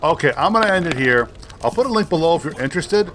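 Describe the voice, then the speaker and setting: Casual man reading a gamebook, halting. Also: a little high, animated, a bit bright, slight background noise. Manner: halting reading with frequent restarts and stumbles; chatty and self-deprecating in asides. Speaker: let's play host.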